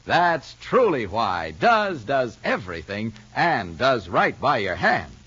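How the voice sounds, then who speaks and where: A man's voice: medium pitch, big pitch swings, slow, fairly bright tone, husky, no echo. A man working as a 1950s radio announcer, narrating and selling in a polished, emphatic, dramatic manner. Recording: muffled old radio recording.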